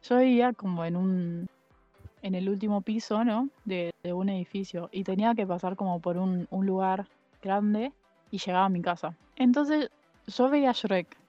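Young woman, hesitant, halting, casual podcast chat, muffled sound. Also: medium pitch, no echo. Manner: hesitant, many fillers and restarts. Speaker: podcast co-host. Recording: dull muffled sound with faint music.

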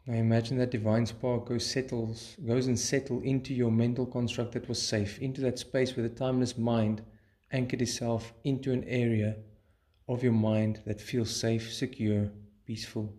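Short phrases separated by pauses make up this man's guided meditation. His medium-pitched voice stays calm, measured and soothing throughout.

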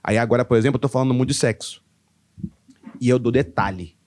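A man, a stand-up comedian from Brazil, chatting casually and telling profane, animated stories full of acted-out quotes. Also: mid-range voice, quick pace. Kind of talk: casual podcast chat.

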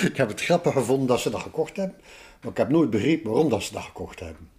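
Speaking a little fast with big pitch swings, this older Flemish man's medium, darkish voice recounts stories as an interviewee. He's an art collector who explains casually, repeating small verbal tags, against music in an echoey room.

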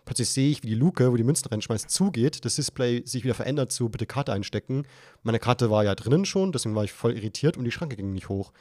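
With a quick pace and no echo, a young podcast host narrates a lengthy story in easy chat. He's an animated storyteller who does his own panicked, flustered voice in a high pitch.

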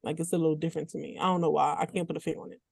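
A woman's voice: sits low, little pitch movement, very fast, gravelly, darkish tone, breathy edge, dry recording. Chatty woman co-hosting a podcast. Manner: chatty, many "like" fillers, laughs while telling stories. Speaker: podcast co-host. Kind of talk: casual chat.

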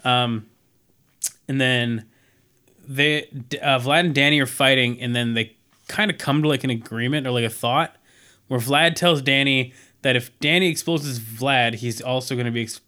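Podcast guy recapping a cartoon, bright voice, lots of ums and restarts. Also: mid-range voice, moderate pace, smooth. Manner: rambling, many fillers and restarts. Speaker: podcast co-host. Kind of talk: casual chat recapping a cartoon episode.

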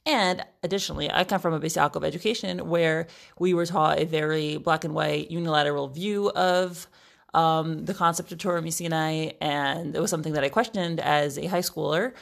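A woman in her thirties from Brooklyn, New York, chats casually as a podcast co-host, sounding playful, wry, and articulate. Her voice is low and creaky, and she talks fairly quickly.

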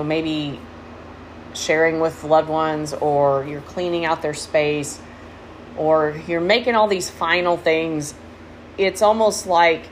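A middle-aged woman hosting a podcast as a casual, candid, rambling personal monologue, recorded in a room with fans running. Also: sits low. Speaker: podcast host. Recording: noisy, window units and fans humming.

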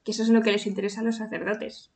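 A woman's voice: medium pitch, level tone, racing, gravelly, a little mellow. A woman co-hosting a book podcast, eagerly retelling scenes in casual chat. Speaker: podcast co-host.

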